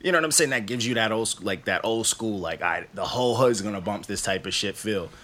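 A man's voice: lowish voice, fast, a bit bright, a little hiss or hum. A man from New York hosting a casual music interview, loose and profane, laughing often. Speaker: podcast host and music reviewer.

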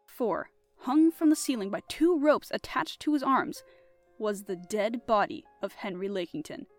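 A woman podcast host reading a classic mystery novel aloud in an expressive, animated style. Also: a little high, unhurried, no echo, soft background music. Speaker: podcast host and audiobook reader. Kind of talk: audiobook narration.

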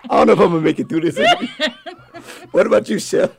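A man hosting a casual interview, animated and laughing often, agreeing a lot as guests talk. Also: high-pitched, very fast, gravelly. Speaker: interviewer host. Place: barbershop.

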